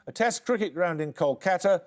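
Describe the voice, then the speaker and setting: A man hosting a quiz show, reading questions crisply and giving dry, wry introductions. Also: high voice, lively intonation, a little fast. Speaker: quizmaster.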